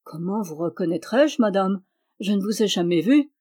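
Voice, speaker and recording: A woman's voice: mid-range voice, lively intonation, normal speed, dark tone, natural voice. A woman voicing an earnest, faithful young prince who speaks respectfully.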